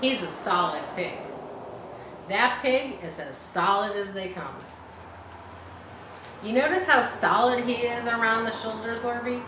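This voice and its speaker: A woman voicing a proud, self-important farmer man in a children's storybook, with an emphatic, deliberate manner. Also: on the high side, bright, forceful tone. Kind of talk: children's storybook read aloud. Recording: roomy echo, faint background noise.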